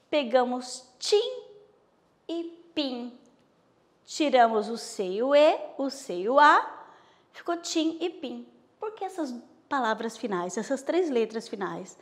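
Slow, patient Bahian woman teacher. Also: on the high side, very animated, big-room sound. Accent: Bahian Brazilian Portuguese. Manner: slow, patient, with frequent check-ins. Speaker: primary school teacher. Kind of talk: recorded remote lesson.

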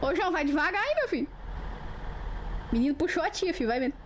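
A woman's voice: sits high, expressive, fast, background noise. A woman, chatting playfully with viewers on a live stream through a webcam, teasing and giggling.

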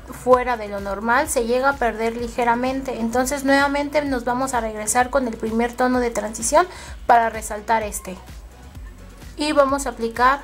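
Chatty Mexican woman teaching makeup. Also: fairly high pitch. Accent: Mexican Spanish. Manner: chatty, addresses viewers as girls. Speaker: makeup tutorial host. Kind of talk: makeup tutorial narration.

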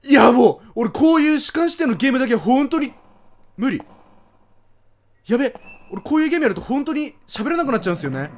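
A man commentating a horror game let's play, jumpy, yelping and shouting at the scares and talking back to the screen. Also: very high-pitched, sing-song, fast, pauses often. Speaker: game streamer.

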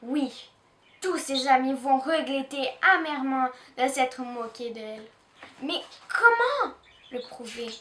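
A woman from Canada reading a children's storybook aloud in an expressive way, recorded with a roomy echo from a distant mic. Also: sits high, slow pace. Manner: expressive, with small restarts. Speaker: children's book reader.

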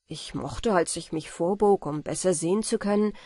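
Storybook narrator, woman, husky, calm bedtime reading, dry. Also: fairly low pitch, moderate pace, no room sound. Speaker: audiobook narrator.

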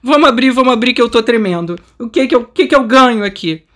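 Young Brazilian woman, Brazilian Portuguese accent, game host, thrilled and breathless, bright high voice. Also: expressive, quick pace. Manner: gushing, exclamatory, says she is trembling. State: excited. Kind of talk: excited gameplay commentary.

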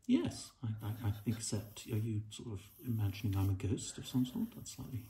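A middle-aged man chatting gently and encouragingly as he draws together with his daughter. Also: lowish voice, moderate pace, a little hiss or hum. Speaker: artist and co-host. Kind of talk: casual chat while drawing.

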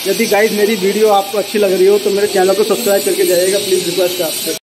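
Holding his phone at arm's length, a man in his thirties walks through a newly built apartment block and chats about what he sees for his property vlog. He speaks fast in a high, level voice over background noise.

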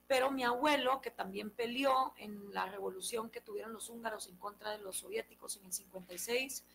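A woman in her thirties from Guatemala with a Guatemalan Spanish accent, a guest in an interview, telling her family story in a lively way and acting out the dialogue. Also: fairly high pitch, brisk, vocal fry, noisy background. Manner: animated storyteller, acts out quoted dialogue. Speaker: guest, political scientist. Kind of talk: conversational interview.

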